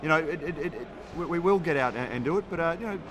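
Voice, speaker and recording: An Australian man hosts a casual podcast in a slightly high voice. He talks very quickly, stumbling and repeating words. The recording is low quality, with clear venue noise behind him. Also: animated. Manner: halting, repeats words, chatty. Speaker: podcast host. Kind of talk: casual podcast chat and interview. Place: above the floor of a busy beer festival hall. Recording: low-quality, noisy on-location event recording.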